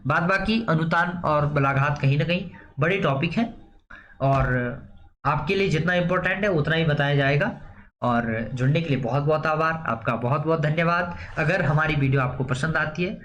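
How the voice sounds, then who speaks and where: A fairly high-pitched man teaches an exam-prep grammar lesson. He keeps asking questions and answering them himself, checking in over and over. The room is echoey, with faint noise behind him. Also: moderate pace, a bit bright, muffled recording. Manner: repeats questions and answers them himself, frequent "theek hai". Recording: roomy echo, faint background noise.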